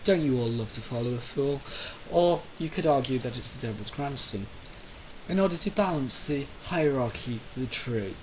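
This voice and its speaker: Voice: medium pitch, expressive, moderate pace, a little hiss or hum, rough recording. A person delivering a rambling, opinionated monologue in a theatrical, declamatory way, drawing out phrases for emphasis. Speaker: solo speaker of a rant video.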